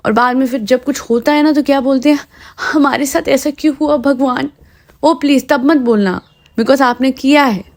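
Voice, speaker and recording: A woman's voice: high-pitched, a little mellow. A woman hosting a podcast, giving indignant, sarcastic commentary that switches between Hindi and English. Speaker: podcast host.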